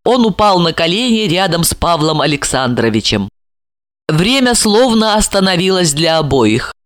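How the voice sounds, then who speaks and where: Lively male audiobook narrator. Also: on the high side, moderate pace, no room sound, studio quality.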